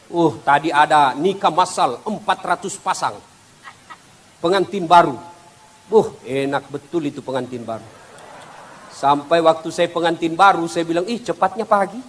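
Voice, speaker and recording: A man preaching a humorous sermon to a big outdoor crowd, animated and jokey, acting out scenes with voices. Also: fairly high pitch, moderate pace, long pauses, slight background noise. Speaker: Islamic preacher. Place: outdoor field gathering.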